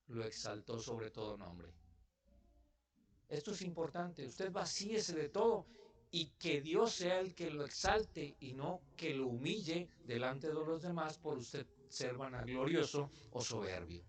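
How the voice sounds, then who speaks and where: Mexican pastor preaching to his church. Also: on the high side. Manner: conversational preaching, asks the congregation questions. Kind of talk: sermon.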